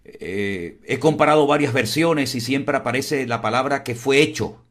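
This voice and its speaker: Male pastor, direct and emphatic, restates his points, medium pitch. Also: moderate pace, fairly bright tone. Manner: blunt, emphatic, repeats phrases. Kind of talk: preaching commentary.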